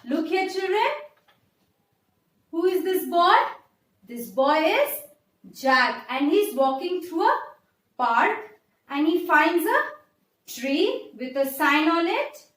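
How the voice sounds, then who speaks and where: Slow, high-voiced woman teacher in echo. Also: big pitch swings, fairly bright tone. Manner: slow, deliberate, asks the class questions and repeats each part. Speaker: schoolteacher. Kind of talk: reading a story aloud to young children. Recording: echoey room, voice from far off.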